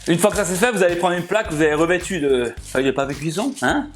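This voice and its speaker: A man with a fairly high voice for a man hosts a home cooking video. He chats and jokes his way through it, laughs often, and talks to viewers as if they were sitting in front of him. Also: animated, a little fast, music in the background. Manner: chatty and jokey, often laughing, addresses viewers directly. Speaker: cooking channel host. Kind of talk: casual cooking vlog talk.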